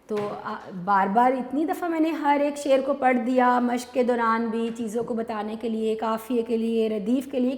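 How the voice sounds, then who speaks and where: A woman teacher from Pakistan giving a recorded online lesson, patiently explaining step by step and asking and answering her own questions. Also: on the high side. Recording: echoey room with long reverb.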